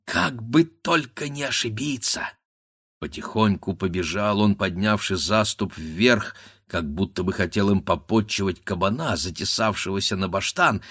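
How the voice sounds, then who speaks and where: A man narrating a classic folk tale as an expressive, dramatic storybook reading. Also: sits low, husky, no room sound, clean studio sound.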